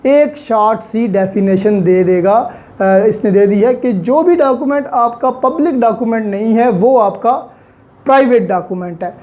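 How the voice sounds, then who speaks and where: Speaking at normal speed in a warm, slightly high voice, a woman with a Pakistani accent gives an online law lecture. She works through the material step by step, raises questions and answers them, and blends in many English terms.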